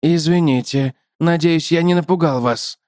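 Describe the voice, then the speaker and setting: A man's voice: fairly high pitch, normal speed, a little mellow, no echo, studio quality, voice pushed up, lightly acted. A man doing a chatty polite spider. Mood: courteous. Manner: courteous, matter-of-fact, lecturing. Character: polite chatty male spider, a small biter.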